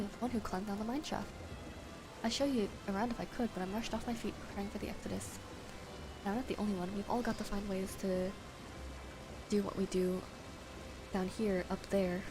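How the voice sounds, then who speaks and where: A woman's voice: medium pitch, steady tone, brisk, long pauses, background noise, close to an everyday voice. A woman voicing a weary farmer who is worried about leaving, speaking in a subdued, rambling way. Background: game music.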